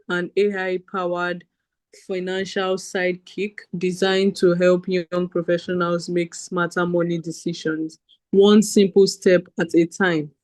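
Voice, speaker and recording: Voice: mid-range voice, no room sound. Podcast host, upbeat, chatty, casual interviewer, dry close sound. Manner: upbeat, chatty, with light laughs and fillers.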